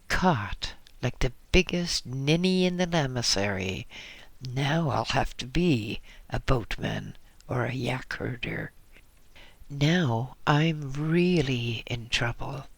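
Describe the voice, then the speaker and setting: A man's voice: medium pitch, animated, slow, vocal fry, no echo, exaggerated voice. A man voicing a hot-tempered young monk who mutters and speaks in a quavering voice. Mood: muttering.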